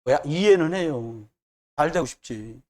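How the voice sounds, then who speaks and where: Lively high-voiced male preacher. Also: measured pace. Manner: emphatic, repetitive preaching with joking asides. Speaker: pastor. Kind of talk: sermon.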